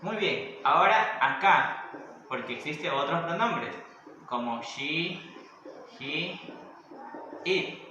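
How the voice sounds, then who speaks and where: A man's voice: a little high, lively intonation, slow, pauses often, bright, forceful tone, highs cut off. A man teaching a grammar lesson, explaining step by step and often checking in with questions. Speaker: English teacher. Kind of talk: recorded classroom lesson. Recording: echoey room with faint noise.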